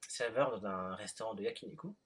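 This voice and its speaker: A man from France in his thirties, interviewing a guest in relaxed chat with lots of fillers. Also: lowish voice, brisk, slightly rough. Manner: relaxed, many fillers and short backchannels.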